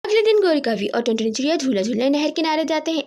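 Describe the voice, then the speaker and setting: A woman narrating a children's cartoon moral story in an expressive, sing-song manner. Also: high voice, quick pace.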